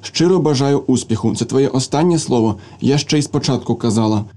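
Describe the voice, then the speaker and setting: A man reading the part of a sharp-tongued young woman in an audiobook, in an ironic, teasing manner. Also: mid-range voice, brisk, lightly acted. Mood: mocking.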